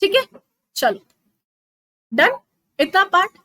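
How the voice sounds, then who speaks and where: A woman's voice: extremely high pitch, big pitch swings, slow, bright, forceful tone, no room sound, rough recording. A young woman teaching an online exam-prep class in a chatty way, counting aloud and teasing her students.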